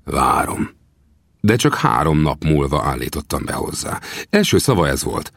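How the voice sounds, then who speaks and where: A man narrating an adventure novel in the first person, in steady storytelling. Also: creaky, husky, no room sound, studio quality. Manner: steady storytelling, lively pitch. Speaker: audiobook narrator.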